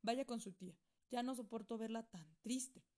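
A woman's voice: fairly high pitch, normal speed, dark tone, close to an everyday voice. A woman voicing a strict, authoritarian middle-aged doctor uncle in a storybook reading, formal and scolding. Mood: stern.

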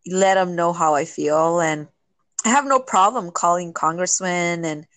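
A woman being interviewed, a social worker, speaking earnestly and haltingly with many restarts. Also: on the low side, a bit bright, dry recording. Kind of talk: emotional interview talk.

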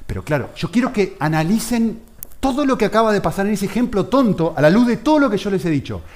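A man, a pastor preaching a sermon in an animated manner, acting out dialogues. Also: sits high, fast.

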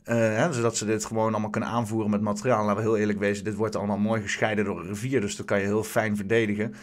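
Rambling man, halting delivery. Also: lowish voice, little pitch movement. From Netherlands. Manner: halting, many fillers and restarts. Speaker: political commentary streamer. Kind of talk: casual rambling commentary.

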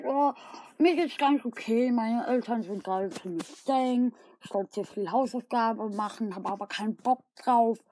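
A woman's voice: fairly high pitch, a little mellow, natural voice, rough recording. A woman voicing a cheeky, slobbering blob creature boy in a homemade audio story, chatty and swearing. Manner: casual, swears a lot.

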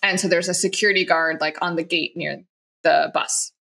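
A woman's voice: lowish voice, steady tone, moderate pace, vocal fry, pushed and bright. A woman in conversation giving advice on handling workplace situations, talking casually with many fillers and acting out the lines people might say. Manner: chatty, many "like" fillers, acts out quoted lines. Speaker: guest expert on workplace conduct.

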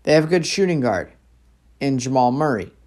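A man's voice: mid-range voice, expressive, fairly quick, darkish tone. A young man casually recapping basketball games as a host, rambling with lots of fillers and self-corrections. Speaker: sports show host.

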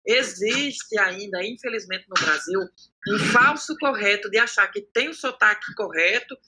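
An adult man with a Northeastern Brazilian accent from Ceará speaks in an outspoken, emphatic way. His voice is pitched high and sounds very bright and forceful. He acts out quoted dialogue with punchy delivery in a relaxed podcast conversation. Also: normal speed, breathy edge. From Cariri, Ceará, Brazil. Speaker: content creator, podcast guest. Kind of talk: casual podcast chat.

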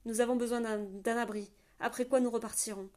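A woman's voice: fairly high pitch, fairly even intonation, a little fast, darkish tone, natural voice. Weary young storybook heroine, earnest and polite, voiced by a woman reader. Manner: earnest, apologetic.

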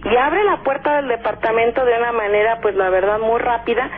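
A woman with a Mexican accent, calling in to a radio show to tell a ghost story. She talks as a lively storyteller who acts out other people's lines, with frequent "este" fillers. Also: a little high, fairly quick. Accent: Mexican Spanish. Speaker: radio caller. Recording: tinny phone line.

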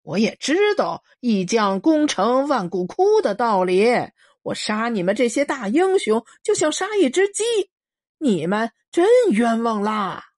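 A woman's voice: medium pitch, big pitch swings, normal speed. A woman voicing a sneering, ruthless militia commander. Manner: sneering, cold-blooded.

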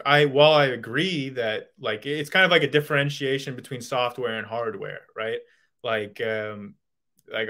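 Guy guest in a call-in chat, bright voice, keeps saying like and restarting. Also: mid-range voice. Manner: hedging, many "like"s and restarts. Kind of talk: casual debate over a call.

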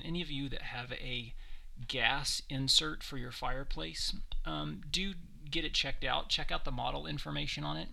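A man hosts a podcast, speaking earnestly and at a measured pace. His voice is very bright and gravelly, with little rise and fall. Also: medium pitch, poor audio. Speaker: podcast host. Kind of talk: solo host segment.

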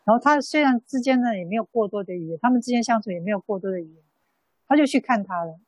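A Buddhist nun giving a dharma talk in an unhurried storytelling way, full of soft fillers. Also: female voice, fairly high pitch, animated, slightly rough, no room sound, rough recording. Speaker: Buddhist nun teaching a sutra class.

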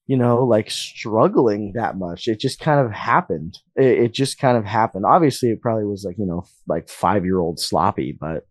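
A man's voice: on the low side, lively intonation, normal speed, few pauses, no room sound. Young man rambling with lots of "like". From Las Vegas, USA. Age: young adult. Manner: rambling, filler-heavy, lots of "like". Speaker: guest musician. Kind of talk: casual interview storytelling.

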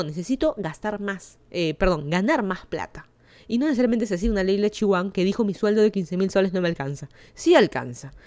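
A woman's voice: on the low side, darkish tone, no room sound. A woman from Peru with a Peruvian Spanish accent, hosting a casual solo podcast in a chatty, opinionated way with many fillers and restarts. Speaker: podcast host.

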